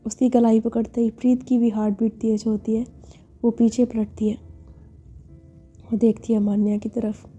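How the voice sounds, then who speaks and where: A woman's voice: a little high, flat delivery, moderate pace, pauses often, mellow. A woman narrating a spoken story in a chatty, casual way. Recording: slightly dull recording, faint music.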